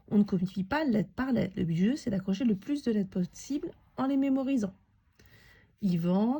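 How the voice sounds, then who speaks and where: A woman teacher narrating a handwriting lesson for young children, talking it through slowly and spelling out each letter and sound. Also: on the high side, gravelly, dark tone, slightly rough.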